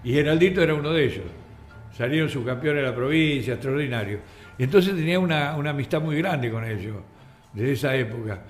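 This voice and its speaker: An older man with an Argentine accent, a radio guest telling anecdotes in a lively way and acting out the voices in his stories. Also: mid-range voice, fairly quick. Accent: Argentine Spanish. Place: radio studio. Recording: roomy radio studio with faint music.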